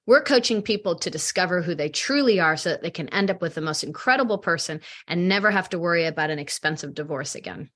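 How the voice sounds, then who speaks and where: A woman's voice: fairly low pitch, quick pace, few pauses. A middle-aged woman in an interview, telling client stories and acting out the dialogue with animation. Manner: animated, acts out quoted dialogue. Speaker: matchmaking company head. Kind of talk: interview storytelling.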